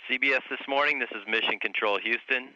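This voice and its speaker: A man speaking as mission control over a space radio link, with brisk, clipped call-outs in formal radio protocol. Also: medium pitch, steady tone, sharp tone, dry recording. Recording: muffled lo-fi radio transmission.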